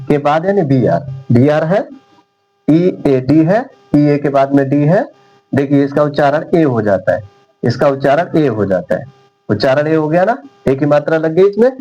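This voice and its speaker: A man teaching an English lesson in Hindi, slowly repeating each rule and spelling words letter by letter. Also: on the high side, mellow, lo-fi sound. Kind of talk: slow spoken Hindi lesson.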